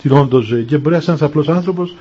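A man, a monastic elder, giving a spiritual talk and telling stories with acted-out dialogue in an unhurried way. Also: on the high side, breathy edge. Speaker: monastic elder answering questions. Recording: dull lo-fi recording.

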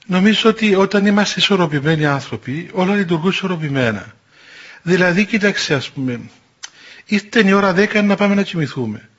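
An older man, an Orthodox elder and confessor, giving a spiritual talk that answers questions in a folksy, animated way and chuckling at his own stories. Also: high-pitched, breathy edge. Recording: dull lo-fi recording.

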